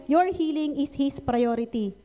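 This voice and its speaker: A woman's voice: high voice, measured pace, warm tone. A woman with a Filipino accent preaching a sermon, switching between Tagalog and English and often asking the congregation for an amen. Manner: mixes Tagalog and English, asks congregation for amens.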